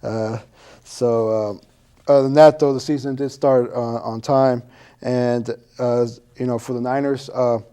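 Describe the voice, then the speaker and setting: Man, sports co-host, football recap, hesitant, many fillers, warm dark tone. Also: medium pitch, steady tone, unhurried, clean tone.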